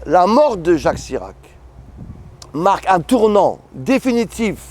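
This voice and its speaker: A middle-aged bishop from France speaks in an interview with a preacher's emphatic, repetitive rhythm. His voice sits somewhat high for a man. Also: sing-song, a little slow, darkish tone, slight background noise. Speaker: bishop, guest commentator. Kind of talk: prophetic commentary interview.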